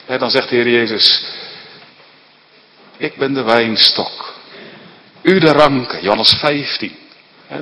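A man preaching a sermon, emphatic and deliberate, asking his listeners rhetorical questions. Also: mid-range voice, bright, forceful tone. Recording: long hall reverb.

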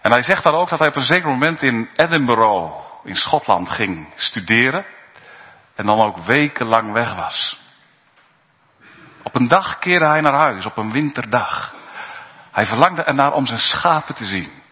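Slow, emphatic male preacher in a reverberant church. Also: medium pitch, very animated, bright, forceful tone. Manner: slow, emphatic preaching with pauses and rising calls. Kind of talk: sermon. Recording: dull recording in a reverberant church.

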